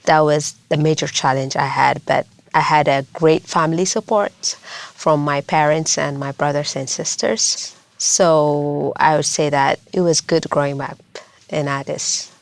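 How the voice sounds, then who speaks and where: Young woman, deep gravelly voice, earnest, measured, interview guest. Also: steady tone, dry recording. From Ethiopia. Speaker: guest, lawyer and social worker. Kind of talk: reflective interview answers.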